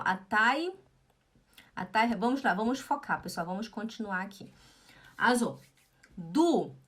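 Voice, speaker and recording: A young Brazilian woman teaching German in a live-streamed lesson, chatting and reading viewers' comments aloud with frequent "né?". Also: on the high side. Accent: Brazilian Portuguese.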